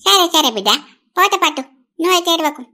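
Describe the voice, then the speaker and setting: A woman's voice: extremely high pitch, fast, background noise. A woman playing a teasing village grandmother with a Telangana Telugu accent. She coaxes and teases her grandson. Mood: scolding. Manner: teasing, coaxing.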